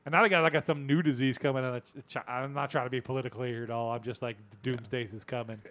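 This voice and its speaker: A man's voice: mid-range voice, fairly even intonation, fast, fairly bright tone. Podcast co-host, man in his fifties, loose and jokey, swears freely. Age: 50s. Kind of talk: casual chat.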